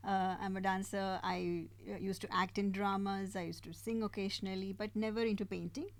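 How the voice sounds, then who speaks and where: A woman's voice: medium pitch, level tone, brisk, no room sound. A middle-aged woman from India, a guest artist, talking in eager, friendly casual chat with laughs.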